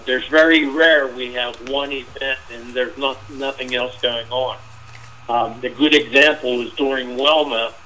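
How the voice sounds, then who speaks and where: A man presenting slides in a webinar, talking informally with fillers and repeats, his voice going hoarse. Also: medium pitch, sharp tone, slight background noise, low-quality recording. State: losing his voice.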